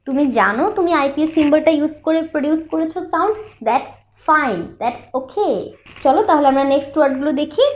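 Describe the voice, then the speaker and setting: A woman teaching a spoken English lesson, patiently repeating each sound slowly for her students. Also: high voice, darkish tone. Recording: slightly dull lo-fi sound.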